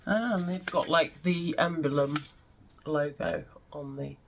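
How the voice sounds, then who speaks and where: A woman with a low voice presents items in a casual unboxing style. She takes her time, yet sounds excited and breathy as she exclaims. There is clear background noise on the recording. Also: takes it slowly. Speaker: unboxing video host. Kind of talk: casual product unboxing commentary.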